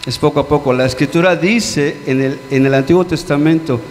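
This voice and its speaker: A man preaching a sermon as pastor, earnest and questioning, often dropping low and soft on key words. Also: brisk. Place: church hall. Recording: long church-hall reverb with faint hum.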